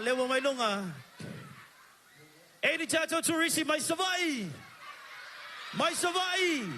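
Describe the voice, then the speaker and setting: This Samoan-accented man is the emcee of an evening stage show, hyping the crowd and alternating Samoan and English into a handheld microphone. His pitch is very high, with a little background noise in the recording.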